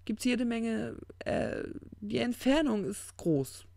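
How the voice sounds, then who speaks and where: A reader puts on a muddled, drunken angel who means every word and keeps losing his thread. The voice is gravelly and mellow, with a dry, close sound. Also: medium pitch, expressive, takes it slowly, no room sound, voice pushed up. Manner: slurred, searching for words. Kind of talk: audiobook character reading.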